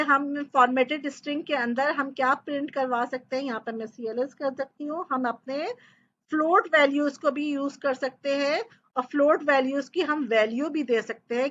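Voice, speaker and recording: High-voiced woman teaching code. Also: fairly bright tone, dull audio. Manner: explains step by step, often checks with "ठीक है". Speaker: programming teacher. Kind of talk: coding tutorial lecture.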